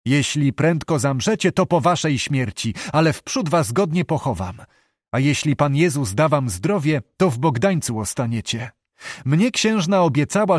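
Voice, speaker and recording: Eager boastful young knight, read by a man, raised excitable delivery, storybook figure, dry sound. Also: on the high side, no room sound. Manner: eager, excitable archaic speech.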